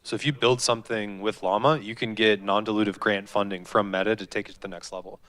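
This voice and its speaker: Low, smooth-voiced man announcing an event. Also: steady tone, quick pace, fairly bright tone. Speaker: event organizer. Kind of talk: informal event announcement to an audience.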